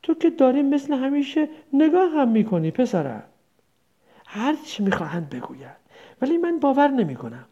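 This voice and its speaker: Heavily acted, a slightly high woman's voice with vocal fry and a dark tone portrays an old village mother who tenderly rambles and laments her son, grieving, confused and doting. It's a dull, lo-fi recording.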